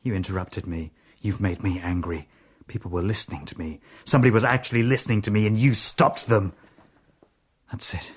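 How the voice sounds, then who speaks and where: An actor playing a bitter, jilted hostage-taker in a radio drama, taunting and self-pitying. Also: male voice, lowish voice, fairly quick, breathy edge. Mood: angry, taunting. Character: volatile, bitter jilted man holding hostages, menacing and pleading.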